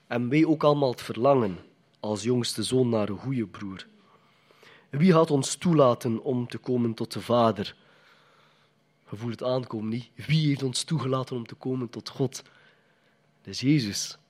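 A man's voice: mid-range voice, a little mellow. A man preaching a sermon in a conversational, emphatic way, often putting questions to the congregation.

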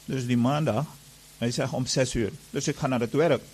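A man's voice: mid-range voice, moderate pace, darkish tone, breathy edge, poor audio. A man giving an earnest personal testimony to an audience, retelling events with lots of reported dialogue.

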